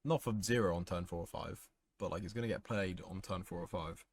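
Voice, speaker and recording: A man's voice: sits low, fairly quick, breathy edge. A man thinking aloud in casual, wry and sweary commentary as he plays a card game. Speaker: gaming content creator playing a card game.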